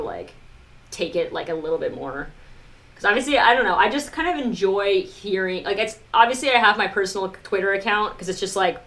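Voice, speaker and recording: A woman who is a music producer and live streamer chats casually with her viewers in a fairly low, slightly bright voice. She rambles informally, saying "like" a lot and swearing mildly now and then.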